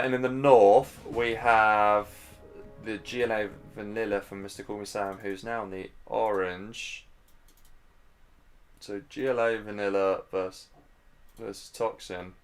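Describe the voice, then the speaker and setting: Low male caster, tired, casual live commentary over faint music. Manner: chatty, casual, thinking aloud. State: tired, yawning. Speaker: game caster. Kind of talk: live strategy game commentary.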